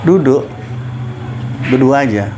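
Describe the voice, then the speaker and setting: A man's voice: mid-range voice, lively intonation, takes it slowly, dark tone, slight background noise. A middle-aged man, a religious teacher, giving a casual study talk and asking his listeners questions. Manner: conversational, asks listeners questions.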